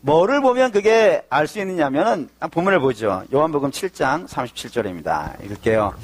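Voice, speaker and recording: Lively, animated Korean pastor preaching. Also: male voice, on the high side, fairly quick. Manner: lively, emphatic preaching with sudden loud bursts; explains patiently, asking and answering his own questions. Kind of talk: sermon.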